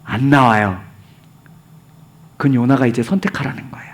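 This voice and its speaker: A man's voice: medium pitch, normal speed. A male pastor preaching a sermon, telling the story with animation and asking the congregation rhetorical questions, sometimes dropping to a near whisper for emphasis.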